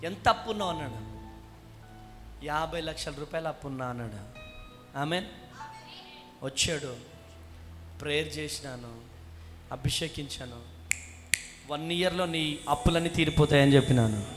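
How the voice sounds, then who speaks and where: A woman's voice: deep voice, moderate pace, pauses often. A middle-aged woman pastor preaching a revival sermon, urging her congregation to clap and say amen. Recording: reverberant hall with faint music.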